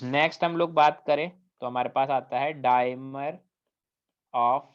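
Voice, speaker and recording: In a dull lo-fi recording, a man teaches chemistry to a class, speaking Hindi laced with English technical terms. He often quizzes the students to make sure they follow. His mid-range voice is steady, slow and clean.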